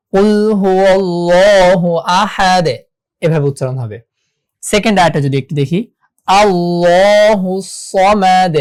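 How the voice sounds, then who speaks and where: A teacher with a Bangladeshi Bengali accent leads an online lesson on reciting the Quran. They go through each rule patiently and pose questions to the class before answering them. When they quote a verse, they slow right down and draw out the sounds. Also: mid-range voice, darkish tone.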